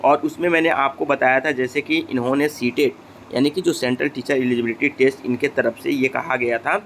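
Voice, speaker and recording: A man hosting an educational channel, giving exam guidance to students in a mix of Hindi and English. He talks straight to his viewers and fills pauses with "okay". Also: medium pitch, fairly even intonation, a bit bright, slight background noise. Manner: mixes Hindi and English, addresses viewers directly; frequent fillers and checks like okay.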